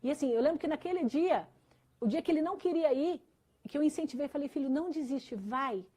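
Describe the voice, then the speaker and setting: A woman's voice: high-pitched, quick pace, dark tone. A woman pastor with a Brazilian Portuguese accent, telling an earnest personal story in an interview, with many fillers. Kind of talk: testimony in a church interview.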